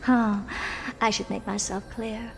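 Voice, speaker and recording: An actress playing a haughty, smug young genius in a video game, speaking in a theatrical, condescending, taunting way. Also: female voice, medium pitch, flat delivery, unhurried, vocal fry. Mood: mock cheerful. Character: haughty, smug young woman genius toying with her victim. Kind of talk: scripted video game voice acting. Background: game music.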